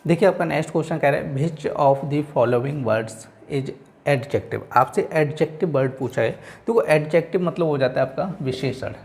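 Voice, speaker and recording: A man's voice: a little high, moderate pace, darkish tone. A male teacher giving a classroom lecture who keeps asking his own questions and answering them, speaking English words.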